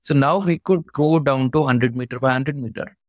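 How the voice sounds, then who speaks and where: A man's voice: medium pitch, moderate pace, no echo, studio quality. A man with an Indian accent explaining his work step by step in an interview, in articulate conversational speech. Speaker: company founder being interviewed.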